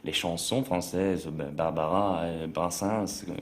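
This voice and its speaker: A man's voice: sits low, steady tone, unhurried. A man who teaches French, answering an interview question hesitantly and searching for words. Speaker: language teacher.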